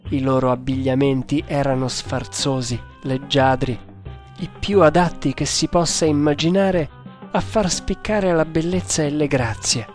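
Man narrating an adventure novel. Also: on the high side. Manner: measured, dramatic storytelling. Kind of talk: audiobook reading. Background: faint music.

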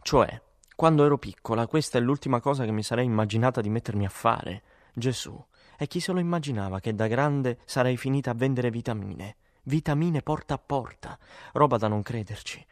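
A man's voice: mid-range voice, fairly quick, dry recording, studio quality, lightly acted. A man voicing a weary, exasperated woman who sells vitamins, swearing and emphatic, in an audiobook. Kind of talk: audiobook character voice.

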